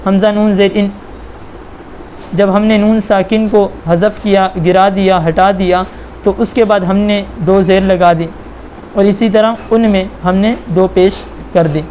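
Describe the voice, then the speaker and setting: A man teaching a Quran reading lesson, patiently repeating points and spelling syllables out slowly for the learner. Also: high-pitched, steady tone, a little mellow, slight background noise. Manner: patient, repetitive explaining.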